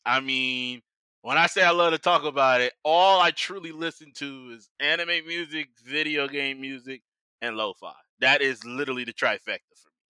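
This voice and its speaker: Bright, punchy American male podcast host. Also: mid-range voice, moderate pace, smooth, dry recording, low-quality recording. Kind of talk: casual chat.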